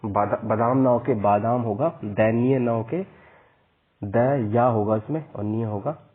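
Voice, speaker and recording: A man teaching a spelling lesson for an exam, slowly spelling out each vowel sign and repeating the corrections. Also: mid-range voice, slightly rough. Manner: slow and repetitive, spelling out vowel signs. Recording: tinny phone-like sound.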